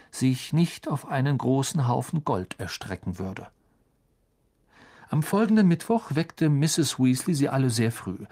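A man narrating a storybook with an animated, swinging delivery and a slightly husky tone. His pitch sits in the middle range for a man. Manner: lively, expressive storytelling. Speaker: audiobook reader. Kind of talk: scripted narration.

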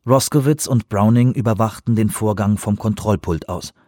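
A man narrating an audiobook in a measured, descriptive way. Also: on the low side, dark tone, no echo, clean studio sound. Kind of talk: scripted narration.

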